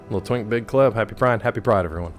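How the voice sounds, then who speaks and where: A man's voice: on the low side, quick pace, faint music behind. A man giving casual, rambling gameplay commentary, joking playfully as he chats with his viewers. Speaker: game streamer.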